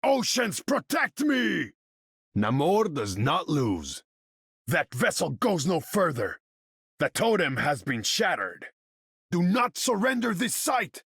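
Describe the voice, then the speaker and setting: In a triumphant battle cry, a haughty sea king warrior from a video game proclaims in formal speech, unhurried, regal, and theatrically pompous. His high, fairly bright voice is husky and swoops wildly in pitch, delivered as a full character voice. The sound is close and dry, without echo.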